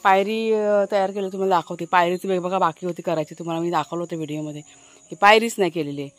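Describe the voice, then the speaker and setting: A woman's voice: on the low side, fairly even intonation, quick pace. A woman casually chatting to her viewers while showing a village garden outdoors, with many fillers. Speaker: vlogger. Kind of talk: casual village vlog narration.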